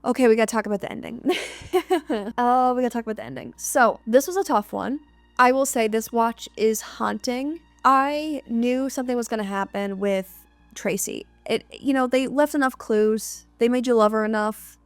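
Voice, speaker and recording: A woman with a fairly high voice talks through a film recap like she is chatting with a friend. She is emphatic and circles back to repeat her key lines. The sound is close and dry, with no room echo. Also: moderate pace, clear, resonant tone, faint music behind. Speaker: movie reviewer.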